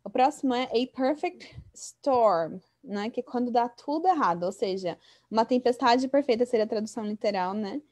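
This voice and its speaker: A woman runs an online English lesson, walking through idioms one after another. She talks in a casual, chatty teaching tone and keeps checking in with her students through quick tag questions. Her voice sits a little high. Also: animated, darkish tone.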